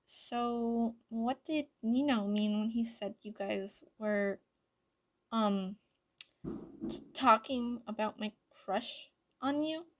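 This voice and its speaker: A woman voicing a shy, flustered teenage girl with a halting way of talking, in a fan reading of a story. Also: on the high side.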